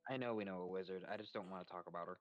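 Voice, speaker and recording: A man playing his character in a tabletop game, gruff and stubborn. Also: low voice, racing, highs cut off, a loud crowd. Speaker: player. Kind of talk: in-character tabletop role-play.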